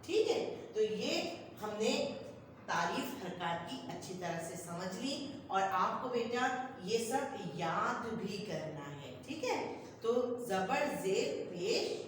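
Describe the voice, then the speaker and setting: A woman's voice: mid-range voice, a little hiss or hum. Woman teacher in an echoey room. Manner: patient, repeats "okay child" as she explains. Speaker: school teacher. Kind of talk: classroom lesson explaining to children. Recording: echoey classroom from far off.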